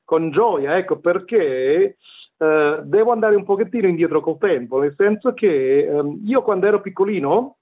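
A man's voice: high-pitched, expressive, normal speed, breathy edge. A middle-aged man with a Neapolitan accent telling his story as a radio interview guest, hesitant and wordy, often repeating words. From Naples, Italy. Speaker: interview guest, tenor and vocal coach. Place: remote call to a radio show. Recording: tinny phone-line radio call.

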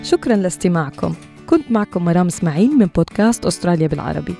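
A woman podcast host, reading scripted narration in a smooth presenter delivery. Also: lowish voice, animated, racing, warm tone, soft background music.

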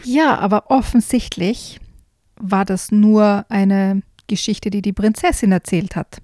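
A woman's voice: mid-range voice, unhurried, no room sound, clean studio sound. Woman reading a children's book aloud. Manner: lively storyteller, reads with character voices. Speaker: co-host presenting children's books. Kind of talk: casual chat and reading aloud.

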